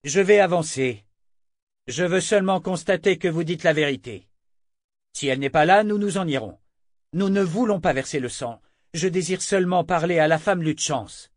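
A man's voice: a little high, moderate pace, dry recording, studio quality, pitched above the performer's own voice, natural voice. A man doing an insistent, raised-voice sea captain. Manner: earnest, insistent. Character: steady male captain, calm but insistent. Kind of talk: audiobook character voice.

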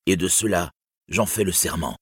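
A stern young outlaw captain, grave and commanding, with a bitter edge, as a man puts him on. The voice is deep and husky, in a dry storybook reading. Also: normal speed, a bit bright, no echo, full character voice.

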